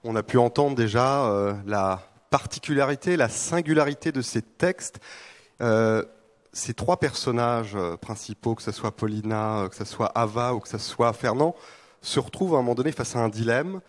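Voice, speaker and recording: A man's voice: mid-range voice, normal speed. A man moderating a panel discussion, speaking hesitantly with many fillers.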